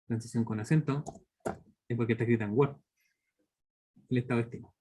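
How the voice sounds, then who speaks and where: A man's voice: medium pitch, steady tone, brisk, warm tone, a little hiss or hum. A man in his thirties with a Chilean accent, teaching a live online programming class step by step and constantly checking in with his students. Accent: Chilean Spanish. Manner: explains step by step, checks in with students through constant tag questions. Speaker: university teacher.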